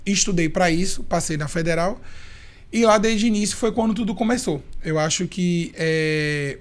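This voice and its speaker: A young man from Recife, a chef and podcast guest, telling his story in a playful, expressive and talkative way. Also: sits high. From Recife, Brazil. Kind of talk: casual interview storytelling.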